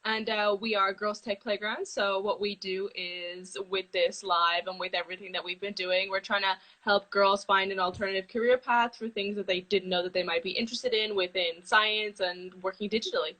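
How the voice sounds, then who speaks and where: A woman's voice: mid-range voice, fairly even intonation, sharp tone, rough recording. Eager teen girl hosting an interview. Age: teens. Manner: eager and gushing, quick to react. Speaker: host, interviewer. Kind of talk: interview over a video call. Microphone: video call.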